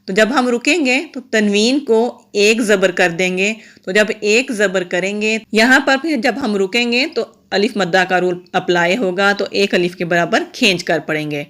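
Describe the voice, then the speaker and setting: A woman's voice: medium pitch, hardly any pauses, a bit bright. A woman, a Quran recitation teacher going patiently through each letter and rule step by step. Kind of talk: step-by-step tajweed lesson.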